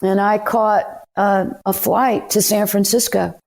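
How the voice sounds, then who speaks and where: Southern woman, gravelly storyteller. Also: mid-range voice, unhurried. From Anderson, South Carolina. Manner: animated, emphatic storyteller. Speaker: guest author. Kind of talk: storytelling interview.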